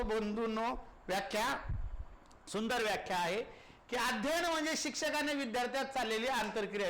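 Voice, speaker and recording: Man, teacher, high pitch, exam-prep lecture, step-by-step questions and answers. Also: a bit bright. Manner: explains step by step, asks and answers his own questions.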